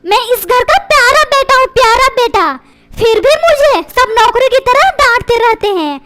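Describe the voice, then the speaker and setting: A cheeky, whiny cartoon schoolboy, voiced by a woman tattles and talks back in a very high, bouncy voice. It is comic dubbing, full of childish complaint. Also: expressive, moderate pace, a bit bright.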